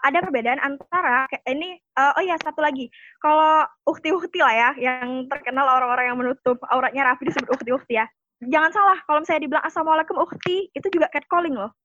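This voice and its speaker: A woman's voice: high voice, fast, bright, forceful tone, dry recording, highs cut off. A woman panelist explaining her point by citing an expert, with polite apologies. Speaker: discussion panelist. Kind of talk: explanatory discussion.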